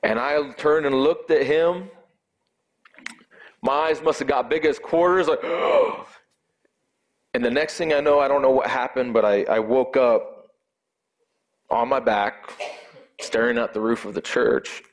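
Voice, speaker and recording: A man giving an earnest, emotional personal faith testimony, halting at times and repeating words as he speaks. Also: mid-range voice, fairly even intonation.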